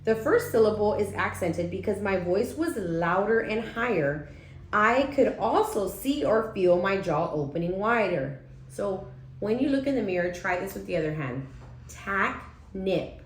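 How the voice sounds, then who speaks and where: A woman teacher with a mid-range, lively voice gives a demonstration reading lesson at a normal pace, patiently checking in with her class and often asking "okay?". The room is echoey with faint ambience and a slight hiss or hum.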